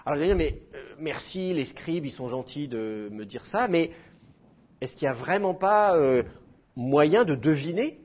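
A man's voice: a little high, lively intonation, normal speed, lo-fi sound. A middle-aged man teaching a class, explaining with demonstrated sounds and self-mocking humor. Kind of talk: classroom lecture.

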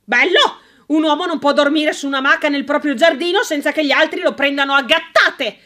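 A woman voicing an irate elderly English country gentleman who shouts and blusters in outrage, in an audiobook. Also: high-pitched, a little fast. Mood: furious. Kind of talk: audiobook character voice.

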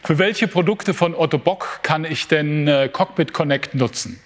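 A man's voice: a little high, normal speed. Middle-aged male studio host. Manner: clear questions, polite lead-ins. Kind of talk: moderating a studio interview. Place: television-style studio.

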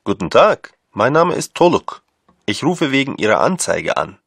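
A man's voice: medium pitch, big pitch swings, fairly bright tone, heavily acted. An actor playing a polite man who phones about an ad, in a scripted textbook dialogue recorded in a studio. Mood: polite bargaining. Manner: clear, slow learner-friendly speech. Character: polite man phoning to buy a pram. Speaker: caller answering an ad.

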